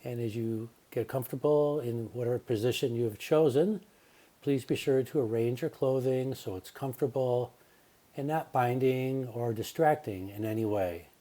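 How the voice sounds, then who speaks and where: This is a man's medium-pitched voice, calm and soft as he leads a relaxation session in the style of a yoga nidra teacher. He lets long, unhurried pauses sit between his words.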